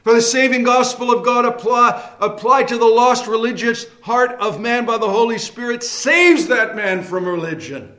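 A man's voice: extremely high pitch, normal speed, hardly any pauses, reverberant. A man preaching a fervent, emphatic sermon, posing rhetorical questions to his listeners. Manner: emphatic, impassioned preaching that rises to shouting; repeatedly addresses listeners as friends.

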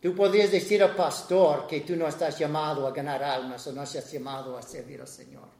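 A man preaching a sermon, animated, swinging from loud to soft and acting out quotes. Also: on the high side, brisk, a little hiss or hum. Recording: echoey room.

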